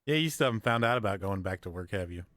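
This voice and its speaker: An easygoing man co-hosting a casual live stream, quick to laugh and giving short replies. His voice is low. The recording is dry and close. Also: lively intonation, fairly bright tone, dry recording. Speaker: live chat co-host.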